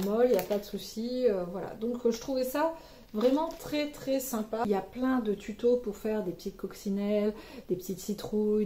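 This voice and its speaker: A woman's voice: mid-range voice, dark tone. A woman, a mother giving casual advice in a vlog, chatty and hesitant with many fillers. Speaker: parent vlogger sharing kids' activity ideas.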